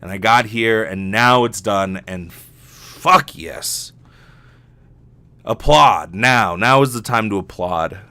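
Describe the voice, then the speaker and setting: A podcast host who's also a professional voice actor talks alone on a casual show. His voice is on the low side, slow, with a sharp tone. He rambles, jokes, puts himself down, and swears now and then.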